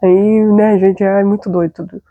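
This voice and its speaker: A woman's voice: medium pitch, flat delivery, moderate pace, no room sound, narrow, tinny audio. A young adult woman with a Brazilian Portuguese accent, hosting and telling a personal story in a chatty, confiding way with frequent tag questions. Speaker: host.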